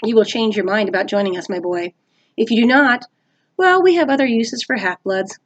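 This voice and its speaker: A woman voicing a menacing male monster posing as a school official, reading a storybook aloud in a low, hushed, threatening tone. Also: brisk, lo-fi sound, natural voice. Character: menacing male vice principal monster, sinister.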